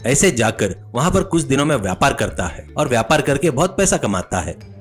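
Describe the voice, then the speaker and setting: Give me an animated male narrator for a storybook cartoon, with faint music behind. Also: mid-range voice, normal speed.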